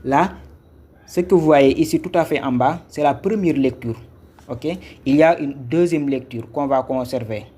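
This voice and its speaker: A man's voice: medium pitch, moderate pace, mellow, husky. Man teaching step by step. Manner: patient, repeats each step, asks if viewers follow. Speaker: Quran recitation teacher. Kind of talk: live-streamed lesson. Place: Senegal.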